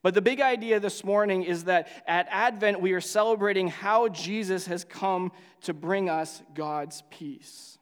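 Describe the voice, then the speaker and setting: A man's voice: high-pitched, unhurried, hardly any pauses, clean tone, long reverb tail. A male pastor praying and then preaching in a conversational, storytelling way with frequent restarts. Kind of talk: sermon with prayer.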